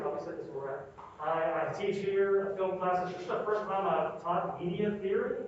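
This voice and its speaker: A man's voice: high voice, darkish tone. A man lecturing informally in a classroom, talking through a face mask, repeating phrases for emphasis and checking in with his listeners. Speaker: university lecturer. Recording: echoey classroom, distant mic, dull, faint noise.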